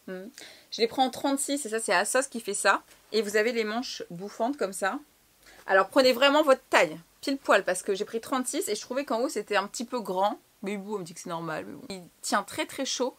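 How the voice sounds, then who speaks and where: A young woman from France chatting casually through a clothing haul, slangy and swearing now and then. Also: medium pitch. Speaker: fashion vlogger.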